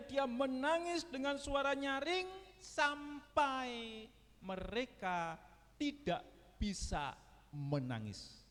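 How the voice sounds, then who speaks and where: Slow-preaching man in a reverberant church. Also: fairly bright tone. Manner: preaching with sweeping swings of pitch and volume, asking the congregation questions. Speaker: pastor. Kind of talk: sermon. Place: church hall.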